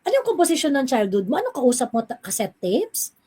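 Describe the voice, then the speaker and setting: Animated woman on a gossip chat show, pitch jumping all over, keeps asking rhetorical questions. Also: brisk, breathy edge. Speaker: show co-host.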